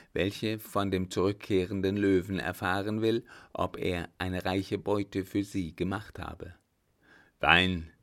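A man reading a historical novel aloud as an audiobook narrator, in a measured, even manner. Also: sits low. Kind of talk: scripted narration.

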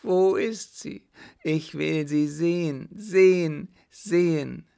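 A man voicing a shrill, raving mad baron. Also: slow, vocal fry, dark tone, clean tone. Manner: shrill, wailing, anguished outbursts. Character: raving, tormented mad young baron, male.

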